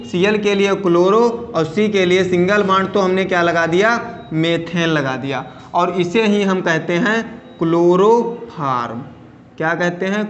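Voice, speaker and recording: High-voiced slow Hindi chemistry teacher. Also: male voice, roomy sound. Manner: repeats key terms and asks the class questions; drawls terms out slowly. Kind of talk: video chemistry lesson.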